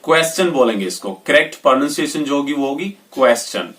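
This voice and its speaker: A man with an Indian accent teaching English pronunciation, slowing down to stress each example sentence. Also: mid-range voice, expressive, a bit bright, recorded from a distance. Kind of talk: pronunciation lesson.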